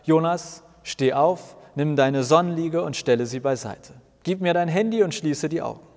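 A calm, knowingly smiling Jesus, patient as he explains, read by a man. The voice sits somewhat high for a man. A long reverb trails behind every phrase of this storybook tale. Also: moderate pace, close to an everyday voice. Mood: gentle commanding.

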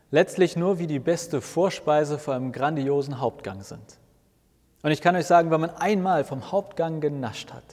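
A man voicing Jesus as a relaxed, cheerful housemate in a spoken story, talking in a calm, earnest tone. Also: fairly high pitch, natural voice. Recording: long reverb, roomy hall sound.

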